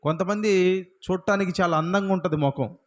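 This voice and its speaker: Preaching at a moderate pace in a high-pitched voice, a male pastor peppers the congregation with rhetorical questions. Again and again, he drives his points home with hallelujahs.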